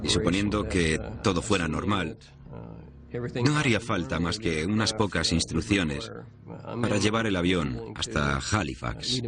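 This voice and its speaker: A man playing a calm, methodical air traffic controller in a dubbed documentary, speaking matter-of-factly. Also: low voice.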